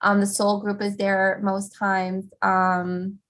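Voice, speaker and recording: A woman's voice: mid-range voice, completely flat delivery, takes it slowly, a bit bright, rough recording. A woman in her thirties hosting a casual live stream chat, talking with many fillers. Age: 30s.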